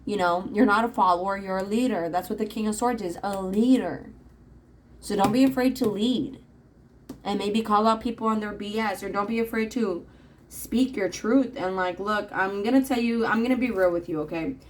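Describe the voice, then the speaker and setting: A woman's voice: mid-range voice, moderate pace, slight background noise, poor audio. A woman reading tarot cards in a casual, rambling monologue with plenty of fillers. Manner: chatty, rambling, frequent fillers. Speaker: tarot reader.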